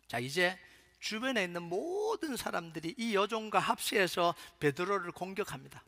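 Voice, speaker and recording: A man preaches in a church sanctuary with a light Gyeongsang accent. He tells the story dramatically, dropping to a hush and then rising again. His voice is high and bright, and a long hall reverb trails each phrase. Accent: light Gyeongsang Korean. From Gyeongsang Province, South Korea. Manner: dramatic storytelling, swings between loud and hushed. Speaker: pastor. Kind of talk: sermon.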